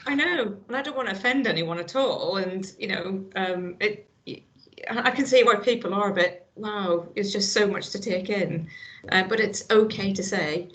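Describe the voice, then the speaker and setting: A middle-aged woman from Northern Ireland, a hospital staff member appearing as a guest, talks earnestly in a casual conversation. Her Northern Irish accent has a slight Scottish edge, and she often says "you know" and restarts her sentences. Her voice is medium-pitched and fairly bright, at a moderate pace.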